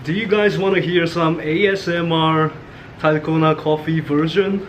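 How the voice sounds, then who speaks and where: A man's voice: on the high side, steady tone, moderate pace, a little hiss or hum, low-quality recording. A young man chatting casually in a cooking vlog, joking with viewers while he whisks, tired and a little out of breath. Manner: playful, jokey, talks to viewers while whisking. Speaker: vlogger.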